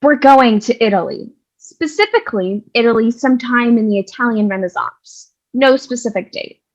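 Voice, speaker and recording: In a comic stage reading, a woman voices a brash, sarcastic nun who grabs control of the storytelling, scolding and sassing her way through with a wry, bossy mood. Her natural voice sits on the high side at a moderate pace, and the recording is lo-fi.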